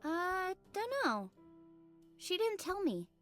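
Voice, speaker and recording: A woman doing a squeaky bubbly young idol girl. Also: sing-song, takes it slowly, a bit bright, faint music behind, heavily acted. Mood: playful. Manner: perky, singsong and playful.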